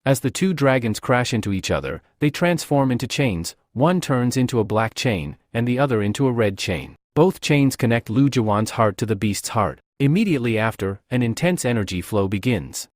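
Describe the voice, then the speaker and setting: A man narrating a comic recap in an even, storytelling delivery. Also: medium pitch, normal speed, few pauses, dry recording, studio quality.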